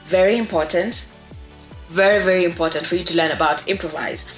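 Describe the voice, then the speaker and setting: Here the voice acting instructor, a young woman, speaks with a fairly low pitch and a slightly fast pace. She keeps the tutorial to camera casual and encouraging, repeating key ideas for emphasis. The recording comes from a small indoor room, echoey, with faint background music.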